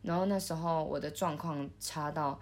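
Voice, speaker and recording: A young woman, recalling her past in a soft, halting way, with many restarts, as she hosts a podcast. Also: deep voice, fairly even intonation. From Taiwan. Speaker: podcast host. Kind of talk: intimate conversational storytelling.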